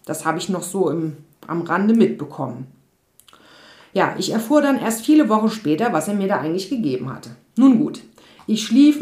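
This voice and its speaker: A woman telling a personal story in a lively, animated way, acting out the voices of the people in it. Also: fairly low pitch. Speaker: storyteller recounting a riding accident. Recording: echoey room.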